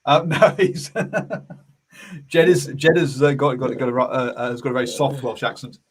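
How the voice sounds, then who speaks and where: A man's voice: mid-range voice, steady tone, a little slow, slightly rough, rough recording. A man hosting a casual rugby radio chat, hesitant with many fillers and restarts. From New Zealand. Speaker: sports radio host.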